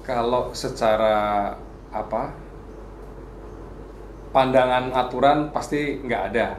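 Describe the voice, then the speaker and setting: A man with a mid-pitched voice speaks calmly and at a measured pace as a guest on a talk show. He is heard in an echoey room with faint background noise. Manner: calm, measured, laughs softly. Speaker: civil service official, guest. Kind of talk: casual interview answers.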